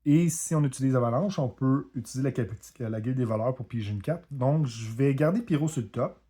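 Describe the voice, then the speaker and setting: A man with a Québécois French accent casually commenting on his own card game as he plays, self-deprecating and quick to apologize for his mistakes. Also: medium pitch, mellow, breathy edge. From Quebec. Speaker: board game video host.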